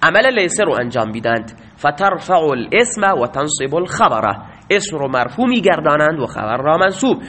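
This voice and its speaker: A man's voice: fairly high pitch, pushed and bright. A man teaching a grammar lesson, asking questions and answering them himself.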